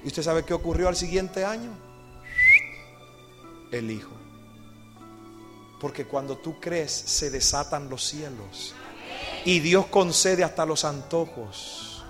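Loud music plays under this pastor's slightly high, lively voice as he preaches slowly, leaving long pauses. It's an evangelistic sermon in a church service, told dramatically with questions aimed at the congregation.

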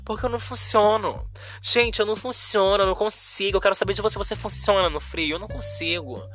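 A man's voice: high voice, steady tone, fairly bright tone, soft background music. Theatrical Brazilian man chatting. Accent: Brazilian Portuguese. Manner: theatrical, slangy, drawn-out sighs and whispered asides. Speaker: podcast host. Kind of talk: casual solo podcast chat.

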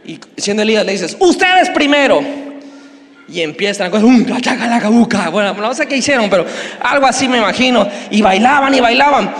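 A man preaches a sermon and tells the story in casual slang, with humor along the way. His voice sits high for a man. A long reverb trails each phrase, as in a church hall. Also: fast talker, fairly bright tone. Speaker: pastor.

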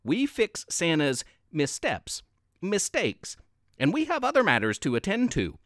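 Man playing a prissy strict xmas elf, lectures kids, a bit higher voice. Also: huge pitch swings, measured pace, fairly bright tone, dry recording, studio quality, full character voice. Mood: stern. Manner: prim, scolding. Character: prim, stern male Christmas elf.

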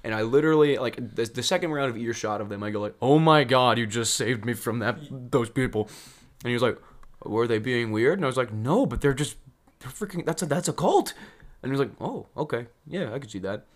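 Young guy on a podcast, telling a story all animated, does little voices and laughs a lot. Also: medium pitch, a little fast. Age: young adult. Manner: animated storyteller, acts out quotes, laughs often. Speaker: podcast co-host. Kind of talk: casual storytelling chat.

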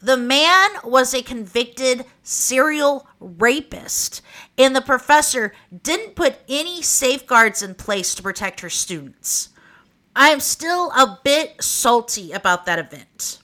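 A woman's voice: high voice, lively intonation, takes it slowly, bright, forceful tone. A woman of about forty with an Oklahoma accent, hosting a podcast in a candid, informal, wry conversational monologue. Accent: Oklahoma (Okie). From Oklahoma, United States. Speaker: podcast host. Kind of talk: conversational personal monologue for a true crime podcast.

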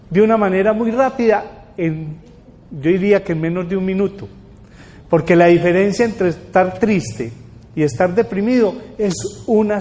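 An older man giving a lively public talk, often asking the audience rhetorical questions. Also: high-pitched. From Colombia. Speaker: lecturer. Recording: long hall reverb.

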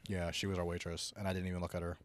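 A young man co-hosting a podcast, telling stories in a loud, joking way and swearing casually. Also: deep voice, monotone, very fast, noisy background. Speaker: podcast co-host. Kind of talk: casual chat.

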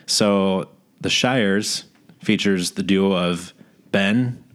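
A man's voice: low voice, extremely slow. A man co-hosting a podcast in casual chat, easygoing and storytelling, often searching for the right words. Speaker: podcast co-host.

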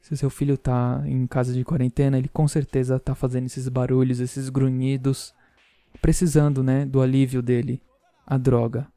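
A man's voice: medium pitch, little pitch movement, normal speed, warm tone, dry recording. A man hosting a casual podcast, joking with and teasing his listeners. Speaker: podcast host.

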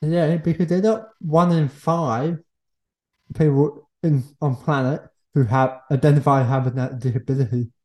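A man hosts a casual interview in a mellow, somewhat high voice. He speaks very slowly, in halting fragments. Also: steady tone. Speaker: podcast host.

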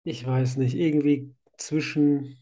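A German podcast host and site manager in his thirties has a cold but rambles along cheerfully, laughing often. His mid-range voice is steady, unhurried, and dark in tone.

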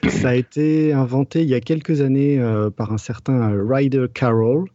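A man's voice: mid-range voice, fairly even intonation, normal speed, warm tone, no echo, dull audio. A man co-hosting a casual podcast, explaining a topic step by step with frequent hesitations and repeated words. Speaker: podcast co-host.

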